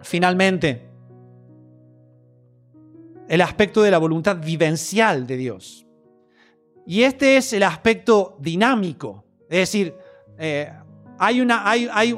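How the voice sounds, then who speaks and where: A man with a Rioplatense Spanish accent preaching a sermon in an earnest, repetitive, story-driven way. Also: high-pitched.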